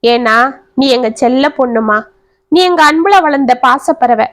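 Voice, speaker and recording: A woman voicing a calm, loving middle-aged mother who reassures softly and steadily. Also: sits high, normal speed, no echo, lightly acted. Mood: tender.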